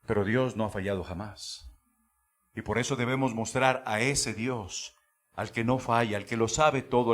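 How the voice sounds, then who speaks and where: A man pastor preaching a sermon in a church, with emphatic delivery that swings from hushed asides to shouted exclamations. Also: medium pitch. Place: church sanctuary.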